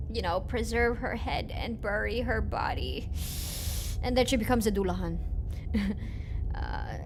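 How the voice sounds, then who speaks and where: A woman's voice: a little high, slight background noise. A woman live-streaming a game, reacting aloud in a theatrical, over-the-top way. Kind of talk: live reaction gameplay commentary.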